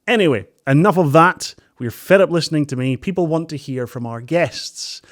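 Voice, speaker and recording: A man hosting an interview podcast, energetic and excitable, chatting casually and laughing often. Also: a little high, normal speed, dry recording, studio quality. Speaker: podcast host.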